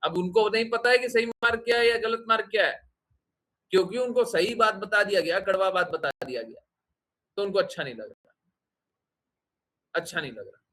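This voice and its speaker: A man's voice: high voice, moderate pace, long pauses, pushed and bright. A man giving a devotional talk to his followers, scolding and questioning them, slipping English phrases into his speech. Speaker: spiritual teacher.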